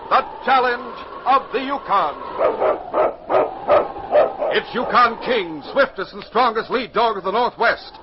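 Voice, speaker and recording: In an extremely high voice, a North American man announces and narrates a 1940s radio adventure with dramatic emphasis. He speaks slowly, with long pauses, and the recording is muffled and hissy in period fashion.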